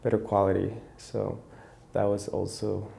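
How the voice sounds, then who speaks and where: Young Mexican man, deep gravelly voice. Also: flat delivery, measured pace, mellow. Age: young adult. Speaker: university student. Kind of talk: documentary interview.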